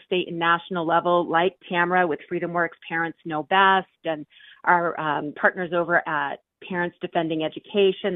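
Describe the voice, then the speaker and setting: A woman's voice: on the low side, no echo. A woman guest on a radio interview, speaking earnestly and steadily with frequent fillers, heard over a tinny phone line.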